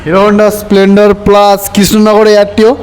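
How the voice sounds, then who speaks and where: A man with a West Bengal Bengali accent giving an unscripted used-bike sales pitch, with insistent, repetitive patter that pushes bargains. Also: completely flat delivery, a little slow, darkish tone, smooth, poor audio. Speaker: used motorbike dealer presenting his stock. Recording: some background noise.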